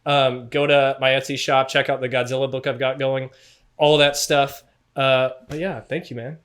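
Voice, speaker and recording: A man's voice: mid-range voice, level tone, moderate pace, fairly bright tone. A man hosting a podcast in casual chat, laughing often and swearing freely. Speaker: podcast host.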